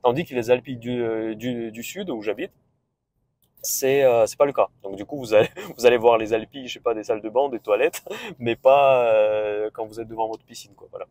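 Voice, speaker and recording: This Russian-accented man from Russia has a medium-pitched, darkish voice and talks a little fast. On a road trip, he chats and rambles as a vlogger would, stumbling through hesitations and restarts in casual travel talk.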